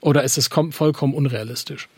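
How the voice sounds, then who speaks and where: A man's voice: mid-range voice, fast talker, husky, no room sound. A man hosting a radio call-in discussion, asking probing questions with some hesitation. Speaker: radio host. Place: radio studio.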